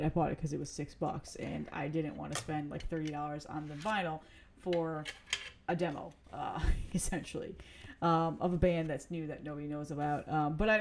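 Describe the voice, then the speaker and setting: Her voice is low and darkish, with a little hiss or hum in the background, as this woman vlogger chats to camera while displaying cassettes. She rambles along with fillers and restarts.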